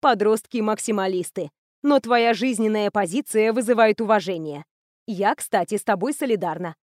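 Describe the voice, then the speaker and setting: A woman voicing a calm, dignified older woman professor who speaks in a measured, gentle, authoritative way. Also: medium pitch, dry recording, clean studio sound, natural voice.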